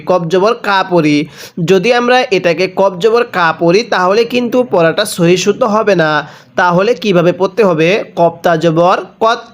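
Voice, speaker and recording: A man with a high, light voice and a Bangladeshi Bengali accent leads a Quran reading lesson one rule at a time. He spells out each letter and its vowel marks, asks the listener how to read the word, then chants it slowly and drawn out. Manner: asks rhetorical questions before each reading. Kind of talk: step-by-step Quran recitation lesson.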